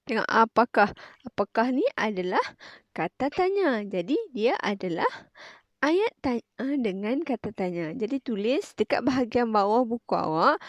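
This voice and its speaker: A Malaysian woman, a primary school teacher, explaining a grammar lesson in a clear, patient way and stressing key words. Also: medium pitch, no echo.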